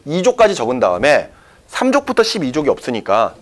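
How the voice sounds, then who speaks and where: A man's voice: medium pitch, wildly swooping pitch, a little fast. A man teaching a science class, explaining step by step and often checking whether the students follow. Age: young adult. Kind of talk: classroom lecture.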